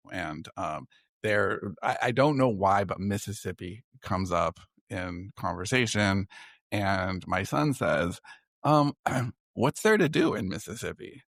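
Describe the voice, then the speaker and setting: A man's voice: low-pitched, a little slow, creaky, a bit bright, dry recording, studio quality. A man in his forties, a writer and podcast guest, telling a story in a loose, self-deprecating, chatty way. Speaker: guest, science fiction writer. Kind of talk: casual storytelling in conversation.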